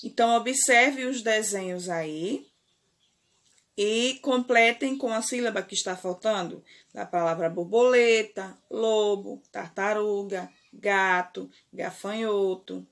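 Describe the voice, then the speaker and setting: A woman with a Brazilian Portuguese accent, a primary school teacher giving a remote lesson, speaking deliberately and checking in often with "ok?" and "certo?". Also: mid-range voice. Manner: slow, deliberate, stretches key words, frequent "certo?" and "ok?".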